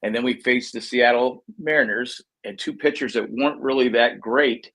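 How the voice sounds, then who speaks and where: A man's voice: medium pitch, moderate pace, fairly bright tone, poor audio. A man co-hosting a baseball podcast, rambling and repeating words as he vents like a frustrated fan. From United States. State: has the hiccups. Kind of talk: casual sports chat.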